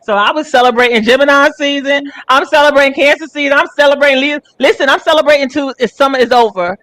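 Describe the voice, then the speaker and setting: A woman's voice: high voice, fast talker, dry recording. Cheerful forties woman, eager panel guest, dry close-up sound. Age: 40s. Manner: cheerful, excited. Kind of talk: casual self-introduction. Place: online group voice call.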